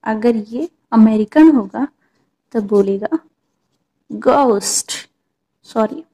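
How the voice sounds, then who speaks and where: A woman with a slightly high, mellow voice speaks at a measured pace. She's a teacher patiently walking viewers through English pronunciation, going over points again and checking in with them.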